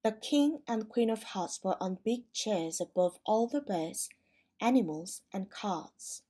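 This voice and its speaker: Slow, careful woman narrator. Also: medium pitch, lively intonation, warm tone. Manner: clear, careful reading. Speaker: storybook narrator. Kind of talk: scripted narration for language learners.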